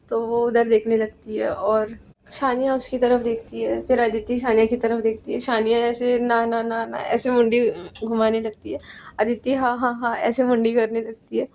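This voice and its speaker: A woman's voice: a little high, darkish tone. A woman narrating a romance story in a chatty, unscripted way. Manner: chatty, unscripted, drawn-out phrasing.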